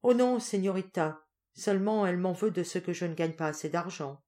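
A woman's voice: fairly low pitch, steady tone, fairly quick, dark tone, natural voice. A woman voicing a timid, shy poor teenage girl in a storybook reading, with an apologetic way of speaking.

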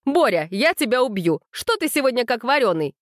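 Woman playing a bossy stable trainer, curt, scolding, brisk, dry sound. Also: medium pitch, very animated, no echo, pitched above the performer's own voice, natural voice.

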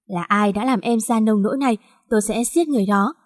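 A woman's voice: a little high, a little fast, dry recording, clean studio sound, big-room sound, natural voice. Woman doing a hot-tempered young teacher in a storybook reading, commanding. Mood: urgent.

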